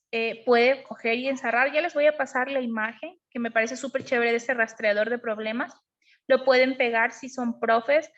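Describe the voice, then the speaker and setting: A woman's voice: on the high side, a bit bright. A woman teaching an online class on emotional parenting, explaining step by step and often checking in with her listeners. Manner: explanatory, asks frequent checking questions. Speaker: parenting educator. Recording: dull lo-fi sound.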